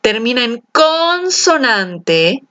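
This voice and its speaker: Lively teacher woman, lo-fi sound. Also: on the high side, drawn-out words. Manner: lively, coaxing, asks the class questions and drags out key words. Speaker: English teacher. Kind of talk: explaining a grammar lesson to students. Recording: slightly dull lo-fi sound.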